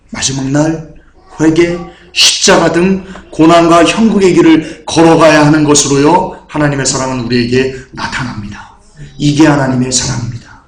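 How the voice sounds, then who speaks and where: A man preaching a sermon with fervent, repetitive phrasing that swings up into shouted proclamations. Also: a little high, roomy sound, a little hiss or hum.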